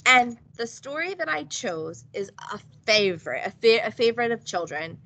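Expressive, breathy woman teacher. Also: a little high, normal speed, low-quality recording. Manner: expressive, animated, questioning. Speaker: early childhood teacher. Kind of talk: read-aloud lesson for parents. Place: online meeting.

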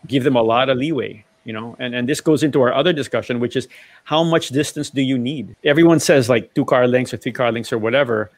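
Talking fast in a mid-range voice, a middle-aged man gives long explanations in a casual driving panel, often beginning sentences again. He's on a video call from a study at home, and the recording carries no room sound.

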